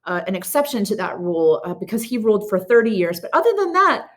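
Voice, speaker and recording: A woman's voice: medium pitch, very animated, quick pace. Casual woman teacher full of ums. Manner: casual, many ums and restarts. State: has the hiccups. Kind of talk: recorded art history lecture.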